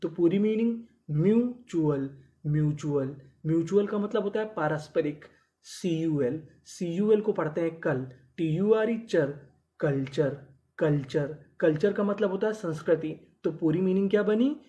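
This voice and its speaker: A man teaching an English phonics lesson in Hindi. He asks questions, answers them himself, and sounds out letters slowly before blending them into words. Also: on the high side, dark tone, muffled recording.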